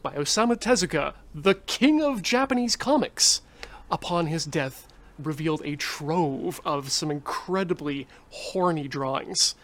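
Man, fairly high voice, playful mock-scholarly asides, casual chat. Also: expressive, unhurried, fairly bright tone.

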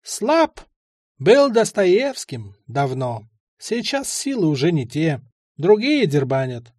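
A man voicing a sly, rambling old male drug addict in an audiobook, with a high, shouting voice and halting, odd phrases. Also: sing-song, dry recording, clean studio sound, heavily acted. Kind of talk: audiobook character voice.

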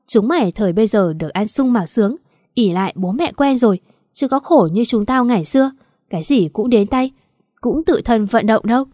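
A woman's voice: a little high, animated, fairly quick, mellow, no echo, clean studio sound. A woman voicing a grumpy middle-aged woman shopkeeper who scolds impatiently, in an audio storybook. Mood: irritated scolding.

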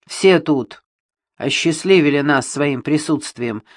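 A woman's voice: sits low, dry recording, studio quality. A woman voicing a pompous, furious wealthy father who barks orders in an audiobook. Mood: contemptuous. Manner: barking, slow and emphatic.

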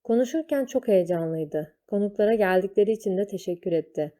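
A woman reading a children's story aloud, slow and deliberate. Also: mid-range voice, expressive, dark tone.

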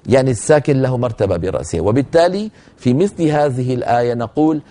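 A man lecturing on Quran recitation rules, explaining points and demonstrating pronunciation by slowly reciting words to his students. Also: medium pitch, animated, warm tone. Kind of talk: lecture on tajweed.

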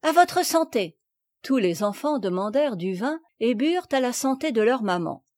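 A woman reading a classic children's novel aloud in measured, clear scripted narration. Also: on the high side, lively intonation, a little mellow, no echo. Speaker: audiobook reader.

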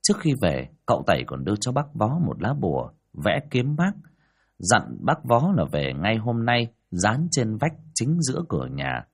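A man's voice: on the low side, wildly swooping pitch, moderate pace, slightly rough. A man narrating a ghost story in a dramatic, storytelling way. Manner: dramatic, rising and falling telling.

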